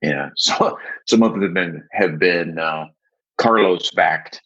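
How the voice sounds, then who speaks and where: Low husky older man, measured. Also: a bit bright. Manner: measured, with frequent "uh" fillers. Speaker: guest, software agency founder. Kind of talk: podcast interview answers. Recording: dull lo-fi audio.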